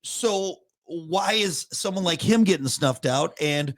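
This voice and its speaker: Man, podcast host, lively pitch, joking, casual chat, home recording. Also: slow pace, dry recording. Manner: joking, laughs often, scolds a child.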